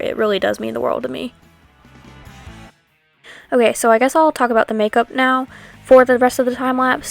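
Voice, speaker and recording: A young woman in a chatty, upbeat voiceover for her vlog, rambling a little with fillers, recorded on a microphone on a tripod stand. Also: mid-range voice. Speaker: vlogger. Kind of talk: casual voiceover narration. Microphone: new microphone on a tripod stand. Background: soft background music.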